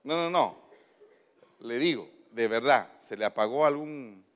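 A man's voice: medium pitch, animated, measured pace. A man, preaching to a congregation and teasing them with questions. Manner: playful, teasing, coaxing questions. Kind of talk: interactive sermon with congregation. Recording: long hall reverb.

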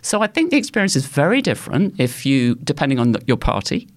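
A woman speaking as an expert guest in a panel discussion, explaining things in a measured way. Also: rumbling low, very animated.

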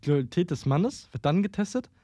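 A man's voice: a little high, sing-song, dark tone, dry recording. A young man hosting a casual podcast chat, asking questions and cutting in to make his point. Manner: quick, pushes questions, interrupts. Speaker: podcast host.

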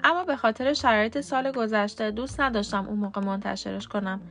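A woman who speaks Persian as her first language hosts a podcast lesson, explaining calmly and clearly and saying model words slowly. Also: mid-range voice, faint music behind. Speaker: podcast host teaching English pronunciation.

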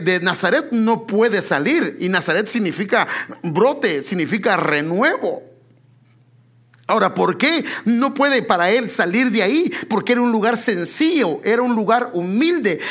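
A man preaching a sermon in an animated way, often calling his listeners beloved brother. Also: high voice. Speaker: pastor.

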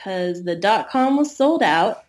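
A woman's voice: mid-range voice, expressive, slow. A woman guest on a podcast, chatting casually in an easygoing, slightly hesitant way. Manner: easygoing, a little hesitant, with fillers. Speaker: podcast guest, show producer. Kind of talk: casual chat.

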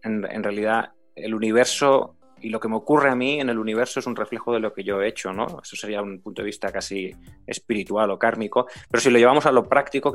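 A middle-aged man teaching communication in a measured explanatory talk. He poses rhetorical questions to his co-host. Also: fairly low pitch. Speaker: communication trainer.

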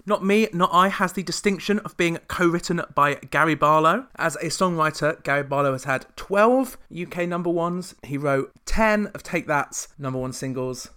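A man hosts a chart countdown podcast with a bright, sharp tone. He keeps dropping jokey, sarcastic asides between the entries. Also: on the high side, animated, normal speed, few pauses, clear, resonant tone. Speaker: podcast host.

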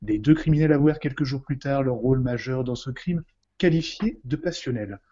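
A man's voice: mid-range voice, fairly quick, mellow, lo-fi sound. A man narrating a mock-serious crime parody in a pompous, dramatic manner. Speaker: comedy narrator.

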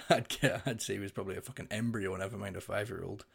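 A man in his thirties with a deep voice, co-hosting a casual music podcast. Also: fairly even intonation, fast, creaky, slightly rough. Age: 30s. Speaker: podcast co-host.

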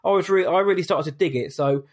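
A man's voice: sits high, fast talker. A man co-hosting a podcast in a laid-back, matey, rambling way. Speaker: podcast co-host. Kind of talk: casual podcast chat.

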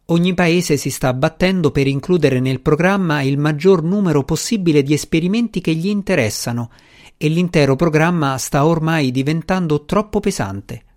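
A man's voice: fairly high pitch, moderate pace, darkish tone, close to an everyday voice. A man voicing a frustrated, insistent male space official who speaks urgently and presses his point.

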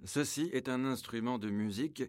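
An actor playing a brave young troubadour knight who speaks in a declamatory, courageous way in a storybook recording. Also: male voice, medium pitch, normal speed, darkish tone, no echo, clean studio sound, lightly acted. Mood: earnest.

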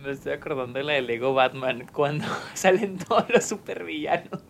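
A man's voice: a little high, animated, moderate pace, gravelly, slight background noise. A man co-hosting a podcast in casual chat, teasing and chuckling between remarks. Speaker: podcast co-host.

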